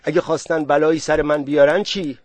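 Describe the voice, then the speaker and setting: A man's voice: on the high side, steady tone, darkish tone, dry recording, pitched above the performer's own voice, close to an everyday voice. A man voicing a nervous village man who wants to run away. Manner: nervous, self-concerned.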